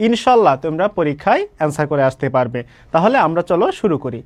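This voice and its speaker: A young man from Bangladesh leads a grammar lesson for exam students. His voice sits high and is recorded dry and close, with no room around it. He explains patiently, point by point, often posing a question and then answering it himself. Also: very animated, quick pace, no echo. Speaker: teacher.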